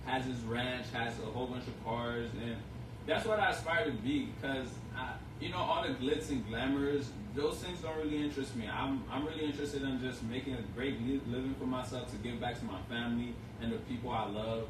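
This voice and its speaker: Speaking fairly quickly at a mid-range pitch, a young man from Haiti chats casually as an interview guest about being a clothing shop owner. He comes across earnest and rambling, full of fillers, on a noisy, echoey recording with a distant mic.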